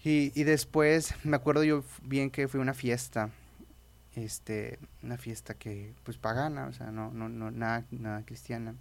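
Gravelly-voiced Mexican man telling his story. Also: mid-range voice, steady tone, normal speed. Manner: rambling storyteller, many restarts, says "brother". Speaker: guest. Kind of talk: casual personal testimony.

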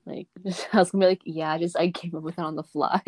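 A woman's voice: lowish voice, steady tone, fast talker, darkish tone, slightly rough, no room sound. A young woman co-hosting a casual podcast chat, laughing often and trailing off mid-sentence. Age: young adult. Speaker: podcast co-host.

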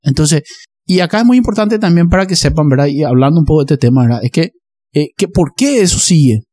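A man's voice: fairly high pitch, lively intonation, quick pace, mellow, no echo, studio quality. A man, explaining a topic in a casual discussion and often checking that listeners follow. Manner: explanatory, checks in with "¿verdad?" and "¿entendés?".

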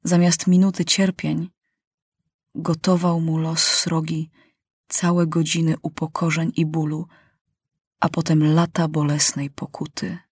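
A woman narrating a children's novel aloud in a measured, dramatic reading style. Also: deep voice, level tone, darkish tone, slightly rough, dry recording, clean studio sound. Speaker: audiobook narrator. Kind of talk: storybook reading.

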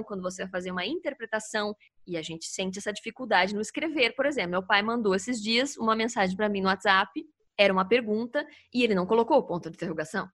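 A woman's voice: medium pitch, fairly bright tone. A woman hosting a casual chat, talking in an enthusiastic, chatty way and asking her guests questions. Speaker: host.

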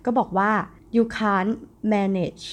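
A woman's voice: medium pitch, fairly even intonation, very slow. A young adult woman hosting a solo podcast, talking chattily and directly to her listeners in a casual, friendly way. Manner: chatty, addresses listeners directly with polite particles. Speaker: podcast host.

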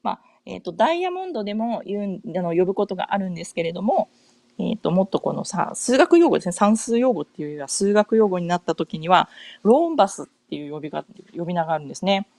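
A woman's voice: on the low side, sing-song, fast, creaky, mellow, no room sound. A middle-aged woman from Japan hosting a casual podcast chat, talking in a loose, rambling way with many fillers and self-corrections. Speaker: podcast host. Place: home in North America.

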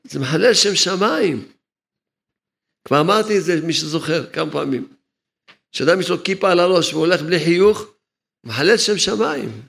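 A man gives a religious lesson and repeats each point to drive it home. His voice sits high and has a gravelly crackle. He chuckles now and then at his own remarks. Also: lively intonation, long pauses, fairly bright tone. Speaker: rabbi teaching a Torah lesson.

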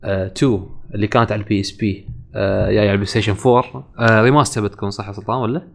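A man co-hosting a casual gaming podcast, talking with many drawn-out fillers and pauses. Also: lowish voice, steady tone, creaky, slight background noise. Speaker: podcast co-host. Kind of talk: casual chat.

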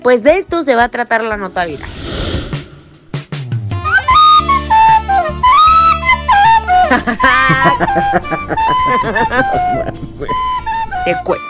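A woman co-hosting a news podcast, reading headlines and chatting lively with her co-host. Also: extremely high pitch, very slow, long pauses, over loud music. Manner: lively, laughs between items. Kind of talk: news read with banter.

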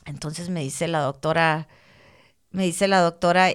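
A woman, a podcast guest telling a personal story in a casual, animated way and repeating words for emphasis. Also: fairly low pitch, measured pace, clean tone.

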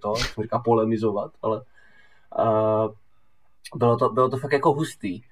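A man co-hosting a casual football chat, telling stories slowly with lots of fillers. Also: on the low side, distant mic. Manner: relaxed, drawn-out storytelling with many fillers. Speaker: football podcast co-host.

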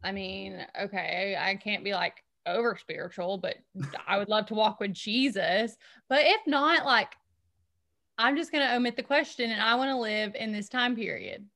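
A woman's voice: mid-range voice, creaky, bright, forceful tone. A young woman from Alabama with a Southern accent, a bubbly and playful guest chatting on a podcast. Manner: bubbly, playful, quick to laugh. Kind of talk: casual interview chat.

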